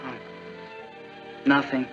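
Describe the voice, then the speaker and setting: An actor playing an earnest, jealous teenage boyfriend in a 1960s TV sitcom. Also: male voice, slow, sharp tone, faint music behind. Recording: dull old TV soundtrack.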